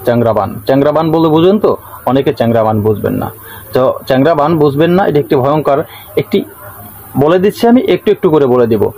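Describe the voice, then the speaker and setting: A man with a Bengali accent hosting his channel, explaining a ritual to viewers in a repetitive, drawn-out way. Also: fairly high pitch, darkish tone, rough recording. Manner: repetitive, draws out words slowly when reciting. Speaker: channel host teaching folk rituals. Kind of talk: casual instructional talk to viewers.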